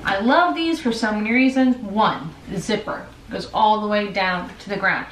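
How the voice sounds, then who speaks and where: A woman's voice: medium pitch, normal speed, fairly bright tone. A chatty, upbeat woman in her twenties talks casually in her bedroom. She sits back from the camera, so her voice sounds a little distant. The room adds echo, with a faint hiss behind. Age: 20s. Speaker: vlogger. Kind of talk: casual chat. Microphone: far camera. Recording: roomy, from a distance.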